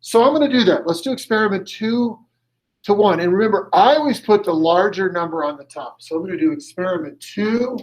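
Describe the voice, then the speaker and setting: A man teaching a high school chemistry class, casual and chatty, often correcting himself as he works a problem. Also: lively intonation, fairly quick, low-quality recording. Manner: chatty, joke-telling, self-correcting. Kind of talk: classroom lecture.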